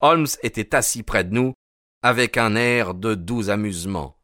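A male narrator reads a classic tale with slow, deliberate pacing and a bright, crisp timbre. The sound is dry and close, with no room around the voice. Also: on the low side, no room sound. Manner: measured, descriptive. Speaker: audiobook narrator. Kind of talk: scripted narration.

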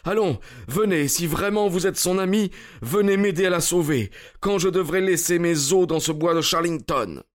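A frantic young bearded man in an audiobook, as a male narrator puts him on, shouting in a strained voice pushed far up in pitch. He sounds desperate and on edge, each line thrown out loud and urgent. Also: normal speed, hardly any pauses, lightly acted. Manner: shouting, high-pitched outbursts. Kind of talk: audiobook character reading.

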